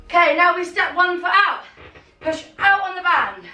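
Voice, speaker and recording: A woman's voice: very high-pitched, expressive, normal speed, pushed and bright. A young adult woman leading a home workout as a fitness coach, urging people on in short, commanding, motivating calls and countdowns. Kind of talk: workout instruction with countdowns and cheering on. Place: small home living and dining room. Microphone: camera a few metres away. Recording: roomy, distant mic, music underneath.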